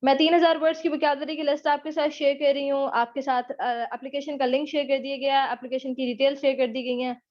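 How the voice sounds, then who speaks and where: A woman's voice: high-pitched, little pitch movement, fast talker, hardly any pauses, highs cut off. A woman with a Pakistani accent teaching a spoken English class online, chatty, teasing and encouraging, mixing English into her Urdu. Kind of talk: live online class lecture with Q&A.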